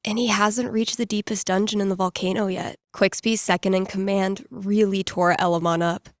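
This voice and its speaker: For a video game inner monologue, an actress voices a wry, slangy young woman who DJs and runs tabletop games, sounding casual and wry. Her natural, medium-pitched voice keeps a steady tone at normal speed. The clean studio recording has no echo.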